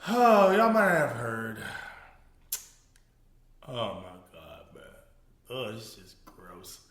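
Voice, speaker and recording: A man's voice: mid-range voice, very slow, echoey room. A man hosting a casual comedic commentary show, laughing often as he mocks what he talks about. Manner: laughing, animated, mocking. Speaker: podcast host.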